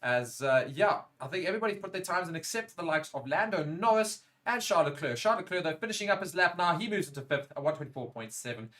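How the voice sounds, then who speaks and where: Fast-talking male F1 watchalong commentator. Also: on the high side, expressive, fairly bright tone. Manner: brisk, reads out viewer chat comments. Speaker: co-host and F1 commentator. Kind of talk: live race commentary watchalong.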